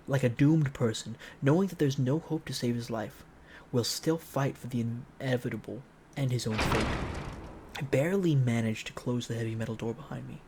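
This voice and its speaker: With a dark-toned, medium-pitched voice, a man streams himself reading a visual novel, alternating dramatic narration with casual jokes and asides. Slight hiss or hum is audible.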